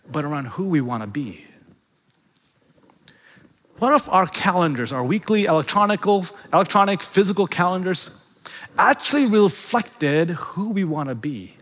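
A man preaching a sermon as pastor, swinging between loud, emphatic peaks and hushed, quiet passages. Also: a little high. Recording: long reverb of a large hall.

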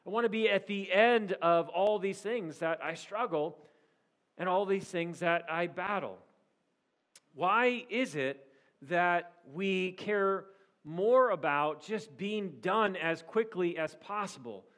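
High-voiced man in his forties preaching. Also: slow pace, a bit bright. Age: 40s. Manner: earnest, rises to emphatic repetition. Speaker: pastor. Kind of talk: sermon.

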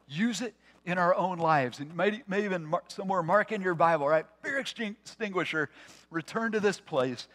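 A man preaching a sermon to his congregation, earnest and personal, dropping to a soft hush on key phrases. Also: high voice. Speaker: pastor.

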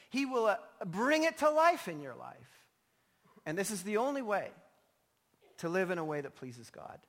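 With a voice that sits high and sounds a bit bright, a pastor delivers an emphatic but informal, conversational sermon, his voice slightly strained. The recording, made in a large indoor church hall, is echoey with long reverb.

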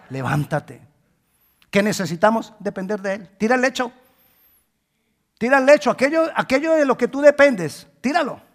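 A man preaching a sermon, moving between hushed pleading and loud emphatic calls, and acting out the voices in the stories he tells. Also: high-pitched. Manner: acts out quoted voices in storytelling. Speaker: pastor.

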